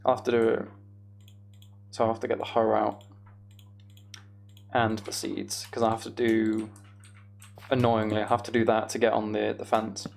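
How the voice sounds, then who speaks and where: This gaming streamer has a lowish, darkish voice and a flat delivery, speaking at a moderate pace with long pauses. He chats loosely with viewers and quietly narrates his task step by step, while a computer keyboard clicks and types clearly behind him.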